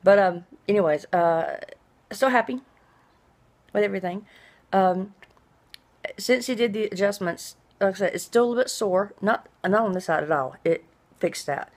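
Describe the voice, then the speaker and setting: A middle-aged woman chatting casually in a personal video diary, rambling conversationally, with drawn-out, hissing s sounds. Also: medium pitch, a little mellow. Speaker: vlogger. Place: small indoor room at home.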